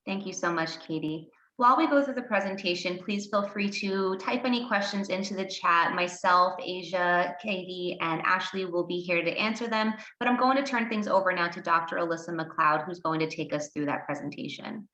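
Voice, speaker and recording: Lower-voiced woman hosting in a roomy space. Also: moderate pace, hardly any pauses, bright, forceful tone. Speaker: admissions counselor hosting. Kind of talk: formal welcome and introductions. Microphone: video call. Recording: roomy, dull video-call audio.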